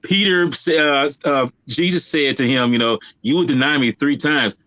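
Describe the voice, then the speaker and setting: A man's voice: mid-range voice, moderate pace, bright, forceful tone, dry recording, rough recording. A man casually discussing a film on a livestream, rambling with many fillers and restarts. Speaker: podcast co-host.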